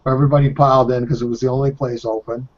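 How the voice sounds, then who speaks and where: Man, 50s, from the Boston area, casual chat, rambling storyteller, mid-pitched voice, muffled lo-fi sound. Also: little pitch movement, rapid-fire. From Boston area, Massachusetts. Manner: rambling, reminiscing, swears casually. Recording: dull lo-fi sound.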